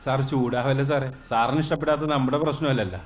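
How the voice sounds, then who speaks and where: An actor playing a smug middle-aged restaurant owner who needles a customer with sly, mocking politeness, in a film scene with faint music. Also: male voice, mid-range voice, steady tone, fast, close to an everyday voice.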